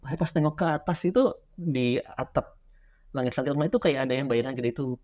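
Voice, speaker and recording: A young man rattles through a memory at a quick clip. His voice sits mid-range and animated. It is casual podcast chat, with no polish. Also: medium pitch. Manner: animated storyteller, quick and loose. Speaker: guest, horror story writer. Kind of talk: casual podcast chat, recounting a childhood experience.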